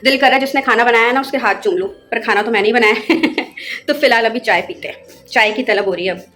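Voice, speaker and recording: A young woman from Pakistan chatting casually to her viewers in a vlog, lively and talkative. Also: fairly high pitch, fast talker, faint music behind. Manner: chatty, animated, addresses viewers as guys. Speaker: vlogger.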